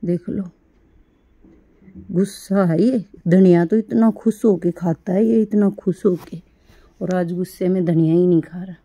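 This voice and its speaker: Middle-aged woman doing baby talk to her bunny, warm mellow voice, coaxing sing-song. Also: fairly low pitch, fairly even intonation, unhurried. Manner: coaxing, doting sing-song with frequent soft laughs. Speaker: pet vlogger caring for rescued animals. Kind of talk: baby talk to a pet rabbit.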